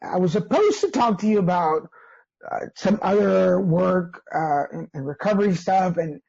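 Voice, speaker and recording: A man's voice: sits high, expressive, normal speed, vocal fry, a little mellow, breathy edge, dry recording, highs cut off. A man hosting a casual interview podcast, hesitant and full of fillers. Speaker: podcast host.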